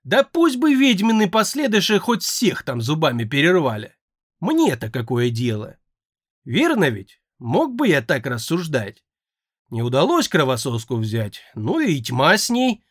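A man's voice: on the high side, huge pitch swings, measured pace, dry recording, full character voice. A man voicing a hardened male necromancer who speaks in a dry, sardonic, reasoning way, in an audiobook. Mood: wry.

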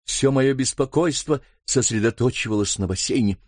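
A man reads an adventure novel aloud in the first person, at a steady storytelling pace. His voice is of middle pitch and is recorded close and dry, with no room echo. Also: normal speed. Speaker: audiobook narrator.

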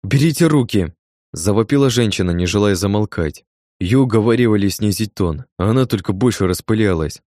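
Deep-voiced man reading a story. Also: brisk, a little mellow, no echo, studio quality. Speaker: audiobook narrator. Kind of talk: first-person audiobook narration.

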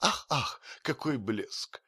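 A man voicing a fussy, excitable, fawning man who gushes in breathless exclamations. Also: sits low, measured pace, breathy edge, dry recording, clean studio sound, heavily acted. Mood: gushing.

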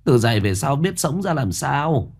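A man's voice: mid-range voice, very animated, moderate pace, creaky, a little mellow, breathy edge, pitched above the performer's own voice, heavily acted. A man voicing an anxious, bossy older village woman who presses and urges. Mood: urgent. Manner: urgent, insistent.

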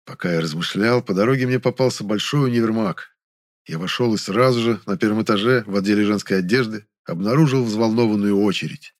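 A man reading first-person narration for an audiobook in an even, measured way. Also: fairly low pitch, no echo, studio quality.

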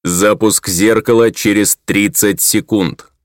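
A harsh metallic machine voice, as a male narrator puts it on calls out a launch countdown in a slow, measured, mechanical way. The tone sits deep and low, and the recording is dry and close. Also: steady tone, no room sound. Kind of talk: audiobook narration.

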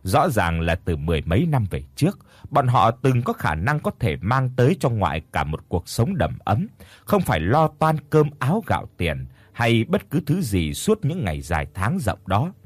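Husky man narrating a bitter story. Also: mid-range voice, huge pitch swings, moderate pace, no room sound. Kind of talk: scripted first-person story narration.

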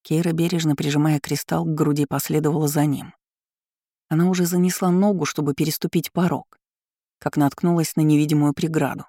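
An audiobook narrator giving a scripted, even, measured reading of a fantasy story. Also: mid-range voice, no room sound, clean studio sound.

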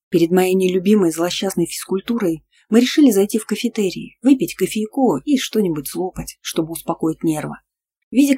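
A woman narrating a first-person audiobook in a lively, expressive storytelling manner. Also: medium pitch.

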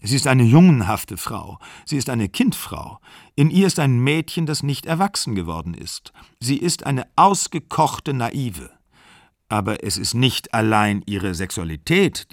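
A man's voice: medium pitch, sing-song, a little slow, dry recording, clean studio sound. A man reading the lines of a bitter, fragile woman who is a college dean, cold and accusing. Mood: scornful. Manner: cold, accusing, then breaking down.

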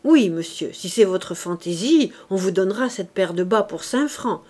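A woman's voice: medium pitch, lively intonation, moderate pace, a little mellow, close to an everyday voice. A woman voicing an obsequious male innkeeper in an audiobook. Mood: fawning.

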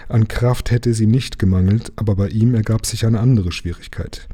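Man reading a children's story aloud, low-pitched and husky, even storyteller delivery. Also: normal speed. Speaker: reader.

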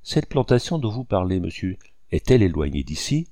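Calm and principled, a young French lieutenant read by a man speaks with measured, cool politeness. The voice sits very low and gravelly, with a dark, mellow tone. The audiobook sound is dry and close. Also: no room sound, exaggerated voice. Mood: earnest.

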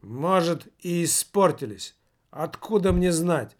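A coarse drunk welder slurs his words in a slow, insolent drawl, as a male narrator puts him on. The voice sits a touch high for a man. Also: lively intonation, darkish tone. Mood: drunk, defiant.

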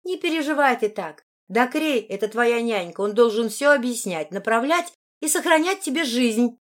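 Storybook role: a woman reading a haughty teen girl, higher and louder than the narration, blunt and sharp-tongued. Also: expressive, normal speed, natural voice. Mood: explaining. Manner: blunt and condescending.

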